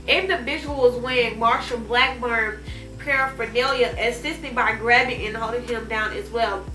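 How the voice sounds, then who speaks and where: Woman host, casual rambling commentary, bright voice, echoey room. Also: a little high. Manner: rambling, many ums and restarts.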